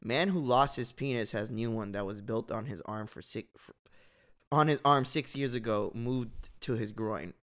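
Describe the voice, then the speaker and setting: A man's voice: mid-range voice, moderate pace, fairly bright tone. A man with an American accent hosting a casual, profane chat show, riffing on odd news like a frat bro. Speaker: talk show host reading out odd news.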